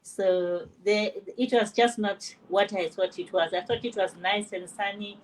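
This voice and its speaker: An older woman from South Africa, a nurse and grandmother, telling her story with lively animation on an online panel. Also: mid-range voice, measured pace, a little hiss or hum, rough recording. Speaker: panel guest.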